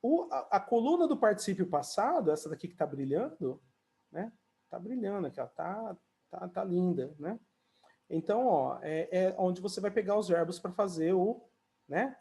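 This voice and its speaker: In a high, animated voice that is gravelly yet mellow, a man from Brazil runs an online English conversation class. He chats freely, leans on "né" and "ó" as fillers, and sings or draws out his example sentences in English.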